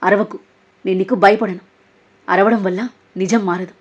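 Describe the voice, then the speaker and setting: A woman's voice: mid-range voice, normal speed, close to an everyday voice. A woman voicing a proud, defiant young woman who speaks firmly and steadily. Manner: firm, steady. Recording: dull lo-fi audio.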